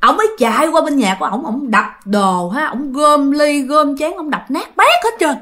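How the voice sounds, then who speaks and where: A woman's voice: high voice, animated, normal speed, sharp tone. A woman with a Southern Vietnamese accent telling a ghost story in casual chat, often addressing her listeners and acting out the quoted lines.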